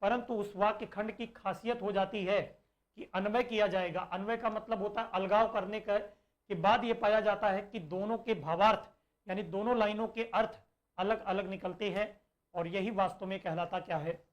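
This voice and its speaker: A male teacher giving an online exam-prep lesson, explaining slowly, repeating points and asking and answering his own questions. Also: high-pitched, fairly even intonation, muffled recording.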